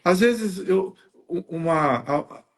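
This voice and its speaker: A man's voice: high-pitched, lively intonation, slow. A man, a guest on a faith-based talk, giving earnest family advice and acting out little quotes.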